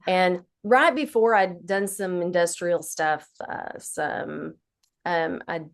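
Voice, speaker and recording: A woman's voice: on the low side, slow, vocal fry. A woman with an Appalachian accent chatting casually as an interview guest, in a folksy, unflattened dialect. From Appalachia, United States.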